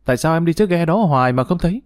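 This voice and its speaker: A man voicing an impulsive, cheeky young man who speaks eagerly and excitably in an audiobook story. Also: on the high side, racing, dry recording, studio quality, pitched above the performer's own voice, close to an everyday voice.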